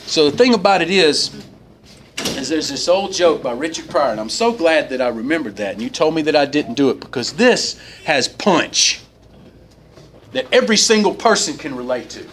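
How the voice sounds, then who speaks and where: A man sharing his personal recovery story at a meeting, animated and storytelling, jumping up in pitch when he quotes people. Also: normal speed, a little hiss or hum. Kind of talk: personal testimony talk. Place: meeting hall.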